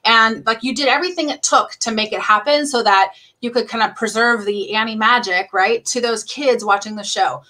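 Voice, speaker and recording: Female interview guest, bright, forward voice; chatty and filler-heavy delivery. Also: a little high. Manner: chatty, fast, says "like" a lot, laughs often. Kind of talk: casual conversation.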